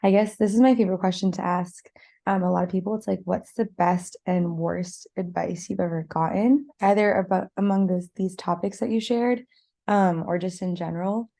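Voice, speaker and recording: A woman with a thin, reedy, squeaky voice that is hoarse and almost gone, asking a question on an online call. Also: fairly even intonation, normal speed, mellow. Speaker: audience member asking a question. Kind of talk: casual question in an online discussion.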